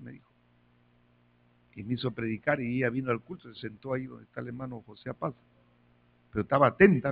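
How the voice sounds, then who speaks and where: Gravelly preacher, lo-fi sound. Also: male voice, medium pitch, a little hiss or hum. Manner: storytelling, swings from quiet asides to shouted praise calls. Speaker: pastor. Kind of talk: sermon.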